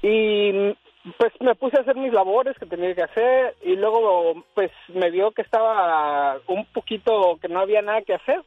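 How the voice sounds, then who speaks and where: A man's voice: high-pitched, normal speed, no echo. A man telling a story casually on a radio show, acting out the dialogue in it. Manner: animated, acts out dialogue in the story. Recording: dull, muffled radio audio.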